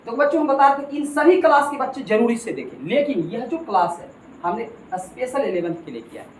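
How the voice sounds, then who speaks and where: A man's voice: extremely high pitch, lively intonation, brisk. A man teaching a grammar lesson, emphatic and repetitive, constantly addressing his students as kids. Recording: echoey room with faint ambient noise.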